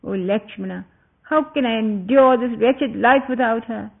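Guy doing a grieving young prince, high and loud, really passionate, tinny phone audio. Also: unhurried, gravelly, full character voice. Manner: impassioned, loud exclamations.

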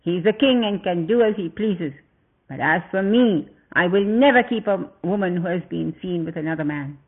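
A man's voice: high-pitched, animated, moderate pace, husky, heavily acted. A man voicing a proud, stern male washerman who harshly accuses his wife, read as part of a told story. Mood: stern scolding. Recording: tinny phone-like sound.

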